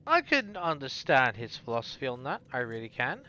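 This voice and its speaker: A man's voice: mid-range voice, sing-song, brisk, bright, forceful tone. A man giving casual, sarcastic let's play commentary on a video game, thinking aloud. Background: game music and sounds.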